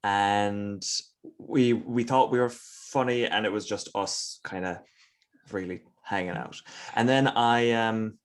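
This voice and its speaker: A man's voice: fairly low pitch, fairly even intonation, takes it slowly. A man from the west of Ireland with an Irish accent, chatting casually and playfully as an interview guest, with self-deprecating humour. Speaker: guest comedian.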